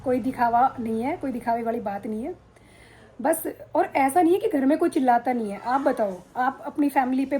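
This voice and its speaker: A woman's voice: high voice, warm tone, rough recording. A middle-aged woman vlogging casually into a handheld phone at home, frank and rambling with many fillers. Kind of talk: casual talk to camera. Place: drawing room at home. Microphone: phone held in hand.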